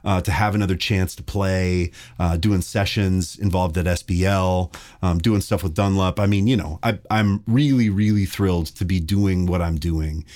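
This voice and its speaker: A man in his forties, a bass player chatting casually in an interview, animated and enthusiastic. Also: normal speed, hardly any pauses. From Minneapolis. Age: 40s. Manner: animated, enthusiastic, laughs often.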